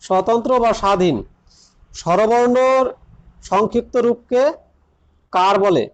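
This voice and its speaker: High-voiced man teaching a grammar lesson. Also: measured pace. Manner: explains step by step, repeats key points; addresses students directly. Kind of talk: exam-prep grammar lesson.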